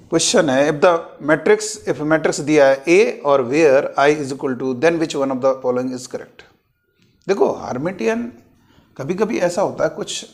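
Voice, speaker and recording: A man teaching maths to exam students, working through a problem step by step and asking and answering his own questions, with spoken. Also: a little high.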